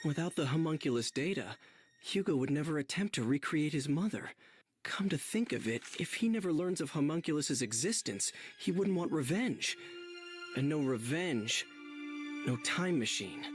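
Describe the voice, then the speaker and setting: A man's voice: a little high, expressive, moderate pace, close to an everyday voice. A man voicing an earnest young hero who thinks aloud in a video game. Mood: pondering. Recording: game music behind the voice.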